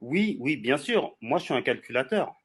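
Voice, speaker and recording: A man's voice: medium pitch, very animated, normal speed, fairly bright tone, slightly rough. A man of forty from France in a heated debate, insistent, repeating phrases and talking over the other speaker. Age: 40s. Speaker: debate guest.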